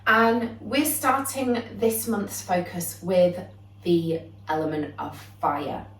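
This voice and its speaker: Woman, yoga teacher, calm explanatory talk, some um fillers, echoey room, mic a little far. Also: lowish voice, slow pace. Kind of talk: yoga lesson introduction. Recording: roomy echo, voice a bit off-mic.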